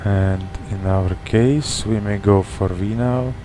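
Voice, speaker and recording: A man making pilot takeoff callouts and procedure commentary in a measured, clipped checklist manner. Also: on the low side. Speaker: flight simulator streamer playing airline pilot. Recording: steady cockpit hum and background noise.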